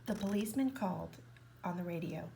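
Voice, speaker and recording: A woman reading a children's picture book aloud, with expressive narration that often drops to a whisper. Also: fairly low pitch, brisk, vocal fry, background noise. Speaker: reader.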